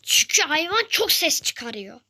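A woman giving casual gameplay commentary, excitable and taunting, calling out to in-game enemies in slangy trash talk. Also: sits high, measured pace. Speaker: gaming channel host.

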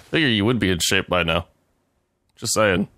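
A man's voice: lowish voice, pushed and bright, dry recording. A man giving casual, sweary commentary as he plays a video game. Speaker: let's player.

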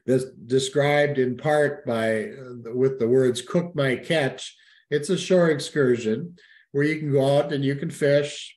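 A middle-aged man talks through a slide presentation over a webcam. He has a mid-range voice and a relaxed, halting delivery full of fillers and self-corrections. The audio has a roomy, reverberant quality. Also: medium pitch. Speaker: cruise line sales representative. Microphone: webcam at a desk, video call.

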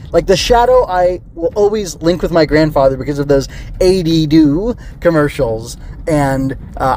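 A middle-aged man hosts a solo podcast, chatting casually about reviews and rambling into digressions. His voice is on the high side with a darkish tone, and there's a little hiss or hum in the recording.

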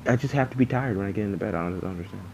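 A man with a low voice talks loosely over his gameplay, drowsy and yawning. He rambles and swears freely, with a faint hum of background noise behind him. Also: very fast, vocal fry, darkish tone, poor audio. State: sleepy, yawning. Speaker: gaming channel host. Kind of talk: casual gameplay commentary.

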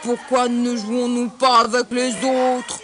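A woman voicing a gentle, protective male lion, speaking slowly and deliberately. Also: on the high side, level tone, faint music behind. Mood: calm. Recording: hissy old storybook recording.

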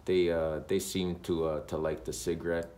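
Low-pitched man, thirties, rambling casual vlog talk, webcam in a room. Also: moderate pace. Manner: rambling, repetitive, relaxed, with many uhs. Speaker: smoking vlogger. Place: indoor room.

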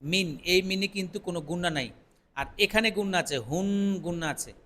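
A man teaching Quran recitation online, chanting verses slowly and then explaining pronunciation. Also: high-pitched, fairly bright tone. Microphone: recording microphone.

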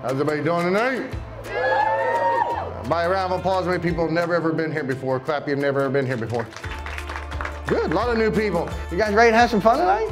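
A man emcees a comedy club night, fast and loud as he hypes the crowd. His voice is high for a man. Heavy crowd noise and loud music fill the room around his handheld mic. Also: expressive. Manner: loud, rapid-fire, hyped. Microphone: handheld stage mic.

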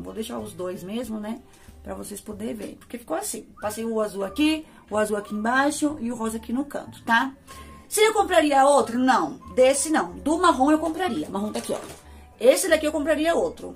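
A Brazilian woman casually reviewing makeup in a chatty, affectionate way, talking straight to her viewers. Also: fairly high pitch. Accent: Brazilian Portuguese. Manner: chatty, affectionate, addresses viewers as "amores" and "gente". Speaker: beauty vlogger.

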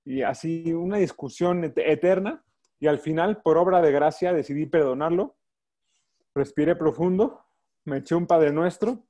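A young man with a Mexican accent talks through a personal story as an interview guest, voicing his own inner arguments in quotes. His voice sits higher than most men's, with a dark, mellow tone. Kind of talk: personal testimony.

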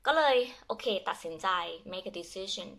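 A young adult Thai woman teaching her language, switching between Thai and slow, halting English with a Thai accent, and often repeating herself. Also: medium pitch, animated, a bit bright. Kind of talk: bilingual lesson, Thai with English glosses.

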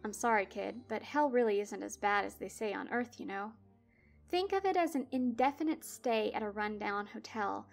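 A woman's voice: mid-range voice, normal speed, vocal fry, soft background music, lightly acted. A woman voicing a bored, weary balding gatekeeper in his fifties in a spoken horror story. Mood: sheepish. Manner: bored, brusque.

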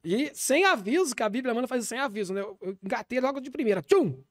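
A man with a Brazilian Portuguese accent playing a shameless self-styled apostle in a deadpan comic podcast monologue, rambling with preachy asides. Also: extremely high pitch, fast talker, no echo, studio quality, exaggerated voice. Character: brash, shameless male pastor calling himself apostle.

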